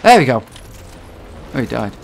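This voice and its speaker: A man gives casual running commentary while playing, chatting and calling out to random teammates. His voice has a gravelly edge, with faint game gunfire under it. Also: mid-range voice, very animated, normal speed, slight background noise. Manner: chatty, reacts aloud, laughs at teammates. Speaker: streamer.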